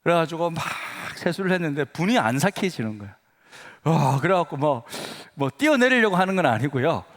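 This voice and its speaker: Animated male preacher in a church hall. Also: a little high, brisk. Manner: animated storytelling, acts out dialogue. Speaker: senior pastor. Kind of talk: sermon. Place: church sanctuary.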